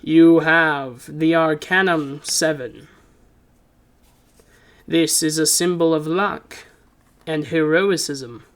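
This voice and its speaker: A man voicing a cryptic, commanding old woman fortune teller in a tabletop game, with a slow, ominous delivery. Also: fairly high pitch, steady tone, clean tone. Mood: solemn, portentous. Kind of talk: tabletop game role-play.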